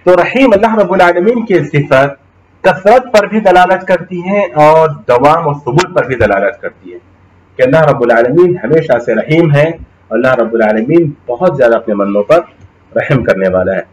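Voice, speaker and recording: A man's voice: a little high, expressive, moderate pace, low-quality recording. A male Islamic studies teacher giving a classroom lecture, explaining Arabic terms, checking in with his students and reciting Quranic verses.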